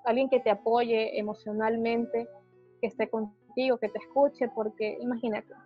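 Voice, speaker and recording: A woman tells her own story in a halting, hesitant way, often stopping to restart a phrase. Her voice sits fairly high, and the sound is dull and lo-fi. Faint music plays underneath. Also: little pitch movement. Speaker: interviewee describing her panic attacks. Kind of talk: personal testimony in a conversation.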